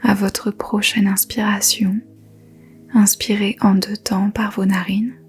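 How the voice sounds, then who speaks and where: In a soft, whispery voice, a woman leads a yoga nidra meditation, her gentle, soothing instructions coming very slowly and evenly with long pauses. She stays close to a single pitch while faint music plays underneath.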